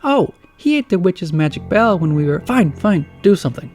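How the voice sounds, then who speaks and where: A man's voice: high voice, sing-song, normal speed, a little mellow, faint music behind, pitched above the performer's own voice. A man doing a stammering nervous teen boy.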